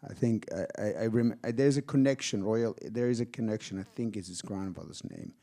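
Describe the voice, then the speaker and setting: A man's voice: fairly low pitch, a little fast, gravelly, warm tone. A man from Finland with a Finnish accent, a film director answering audience questions in a theater Q&A, hesitant and restarting as he thinks aloud. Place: theater stage before an audience.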